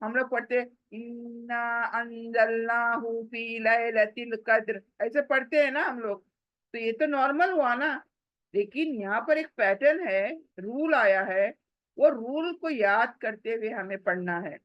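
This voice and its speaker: A woman's voice: fairly high pitch, lively intonation, a little slow, no room sound, dull audio. A woman teaching Quran recitation step by step, patiently explaining the rules and stretching and repeating sounds to demonstrate them. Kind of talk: step-by-step pronunciation lesson.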